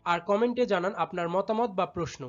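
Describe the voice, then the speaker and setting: A teacher giving a step-by-step lesson, patiently repeating words and drawing them out slowly syllable by syllable. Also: mid-range voice. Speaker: English teacher. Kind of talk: step-by-step tutorial explanation. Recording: slightly dull audio with faint background music.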